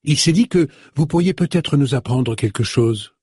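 Audiobook role: a calm hesitant woman, read by a man, husky, dry sound. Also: medium pitch, normal speed, dry recording, pitched above the performer's own voice.

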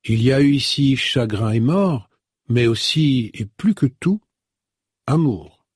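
A man with a husky voice voicing a precise, measured elderly detective in an audiobook. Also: medium pitch, animated, no echo, studio quality. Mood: grave.

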